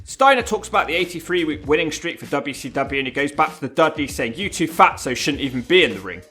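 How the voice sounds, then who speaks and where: Animated man narrating a countdown video. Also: a little high, fast talker. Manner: wry, informal, emphatic. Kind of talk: scripted video narration commentary. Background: background music.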